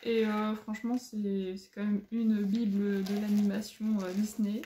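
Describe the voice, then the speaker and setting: A woman's voice: medium pitch, little pitch movement, unhurried, dark tone, a little hiss or hum. A young woman vlogger chatting casually, with many fillers and frequent laughs. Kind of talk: casual chat. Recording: echoey room.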